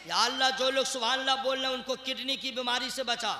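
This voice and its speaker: A man preaching at a large religious gathering in a very high, piercing, bright voice. He swings from shouted, chant-like refrains to relaxed, joking banter with the listeners. The sound comes through an echoey public-address system. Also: fast talker. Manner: alternates shouted chanting with chatty joking asides. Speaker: Islamic preacher.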